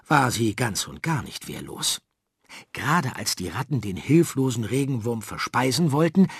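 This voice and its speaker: A man narrating a children's story in a calm, expressive way. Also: mid-range voice, slightly rough, no room sound, studio quality.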